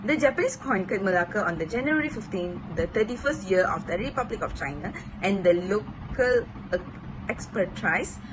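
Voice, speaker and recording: Young Malaysian woman student, mid voice, stumbling reader, noisy take. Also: medium pitch. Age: young adult. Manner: halting, stumbles over words. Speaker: student presenter. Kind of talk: read-aloud school presentation. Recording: noisy amateur recording.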